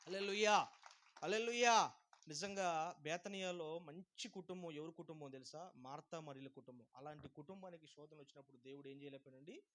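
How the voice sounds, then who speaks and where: A man preaching as a pastor, building shouted repetitions and calling the congregation to praise. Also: fairly high pitch, a little fast. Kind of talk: sermon.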